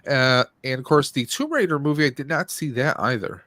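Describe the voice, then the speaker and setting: A man in his forties hosts a casual livestream podcast about movies and games, chatting informally and tossing in jokey asides. His medium-pitched voice is animated, brisk and bright, with a forceful tone and slight background noise.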